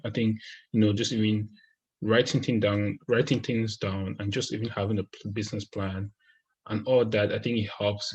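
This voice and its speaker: A man from Cameroon talks through his thoughts on a book in a relaxed, unscripted way, pausing often with fillers and restarting sentences. His voice sits low and husky, and his delivery stays fairly flat. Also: low-quality recording. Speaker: book reviewer. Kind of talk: casual spoken book review. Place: United States.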